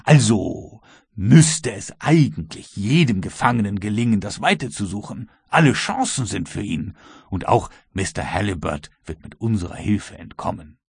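A man's voice: lowish voice, animated, moderate pace, creaky, breathy edge, no room sound, clean studio sound, heavily acted. A man reading as a bold, unflappable servant. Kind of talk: audiobook reading.

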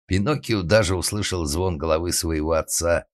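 Deep-voiced man narrating a comic tale. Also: moderate pace, dry recording, studio quality. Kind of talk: scripted comic story narration.

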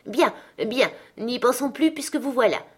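Fussy loving storybook mom, a little higher than the narration, a lady reading. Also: normal speed, breathy edge. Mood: fond. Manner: warm, fussing. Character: fussing, tender mother of a poor family.

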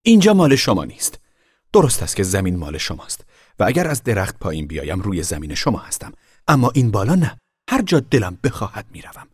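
Loud bragging boy up a tree, a man doing him: high, husky, defiant shouts. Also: wildly swooping pitch, no room sound, clean studio sound, heavily acted. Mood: boastful. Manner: shouting, boastful.

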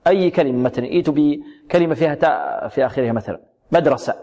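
A man's voice: a little high, lively intonation, mellow, dull audio. Man teaching Quran recitation in a hall. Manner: drills single sounds, repeats words slowly, asks and answers his own questions. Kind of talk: tajweed lesson on pronunciation. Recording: long hall reverb.

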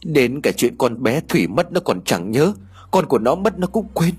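A man's voice: medium pitch, big pitch swings, moderate pace, husky, soft background music. A male narrator voicing a middle-aged mother who soothes her grieving daughter. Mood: consoling. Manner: coaxing, soothing.

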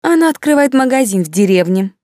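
Woman voicing a gossiping baroness, indignant, high and lively, dry recording. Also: moderate pace, dry recording, natural voice. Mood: scornful. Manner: outraged, rising pitch.

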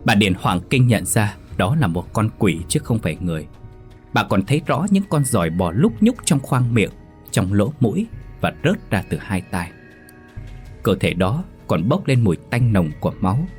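A man narrating a ghost story in a dramatic, steady storytelling manner. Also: on the low side, moderate pace, soft background music.

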